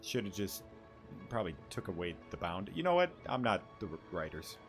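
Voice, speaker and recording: A young gaming streamer tosses out casual, joking reactions as he plays, with game music running underneath. His voice sits low, and he talks briskly in a sing-song way.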